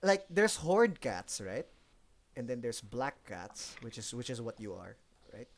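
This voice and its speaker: A man's voice: mid-range voice, sing-song, a little slow. A man narrating as game master of a tabletop game, chatty and laughing as he describes the scene.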